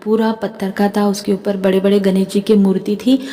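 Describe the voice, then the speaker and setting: A woman's voice: medium pitch, level tone, normal speed, dark tone, in a large hall, faint music behind. A woman with an Indian accent, a spiritual healer and tarot reader, talking to camera in a chatty way and often checking in with her listeners. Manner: chatty, keeps adding "theek hai". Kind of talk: spiritual channeling talk to camera.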